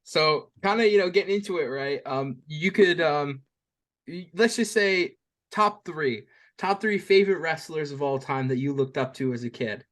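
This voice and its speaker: A man's voice: a little high, moderate pace, fairly bright tone. A man hosting a casual sports podcast, asking rambling questions full of "you know"s. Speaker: podcast host.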